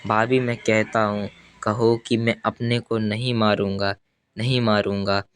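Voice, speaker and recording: A man's voice: on the low side, level tone, unhurried, slight background noise, lightly acted. A man reading the part of a shaken, ashamed young man in an audiobook, speaking hesitantly and pleadingly.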